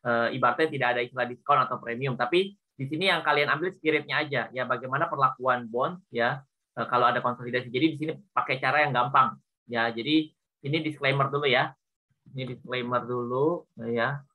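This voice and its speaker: This man, an accounting lecturer with an Indonesian accent, talks through worked problems one step at a time in an informal teaching style, frequently restating points with small confirming tags. He speaks at medium pitch and a little fast, his tone bright and forceful, on a rough recording.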